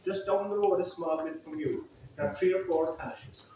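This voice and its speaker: A middle-aged Irishman with a Cork accent and a high-pitched voice hosts an informal storytelling session. He is chatty and wanders off on digressions. The sound is very roomy and picked up from a distance. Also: fairly even intonation, moderate pace, dark tone. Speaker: traditional storyteller hosting a library event. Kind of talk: informal storytelling and chat with an audience. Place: indoors in a library, audience room. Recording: echoey room from far off, faint noise.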